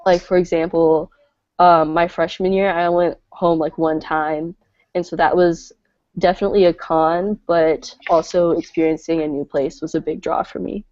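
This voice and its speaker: A woman's voice: lowish voice, steady tone, moderate pace, a little mellow, no echo. A young woman from the American South, a college student on a panel, chatting casually with lots of "like". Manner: chatty, heavy use of "like". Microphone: video call. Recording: dry lo-fi video call audio.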